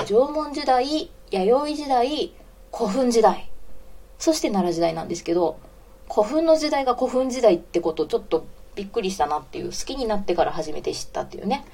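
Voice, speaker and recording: A woman's voice: medium pitch, mellow, slight background noise. A woman of about forty from Osaka with a Kansai accent, chatting casually on a live audio stream, giggling and stopping to greet listeners. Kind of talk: casual live radio chat, reading listener comments.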